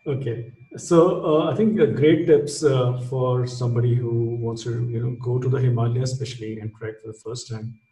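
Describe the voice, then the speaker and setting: A man's voice: mid-range voice, steady tone, normal speed, few pauses, mellow. Male podcast-style host, educated Indian accent, hesitant conversational questioning, noticeably echoing room sound. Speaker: interviewer, host. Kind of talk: conversational interview.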